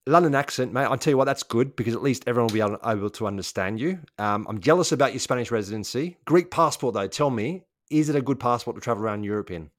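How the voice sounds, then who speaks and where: A man's voice: medium pitch, lively intonation, fast, hardly any pauses, no room sound. A man hosting a football podcast, chatting casually and teasing his guests in a jokey way. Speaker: podcast host. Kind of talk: casual chat. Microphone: video call.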